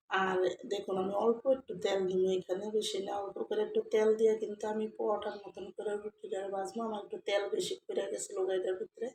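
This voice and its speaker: A hoarse woman, narrating a step-by-step cooking video in a home kitchen. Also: mid-range voice, roomy sound, slight background noise. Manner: steady, repetitive home-cook explaining. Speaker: cooking vlogger.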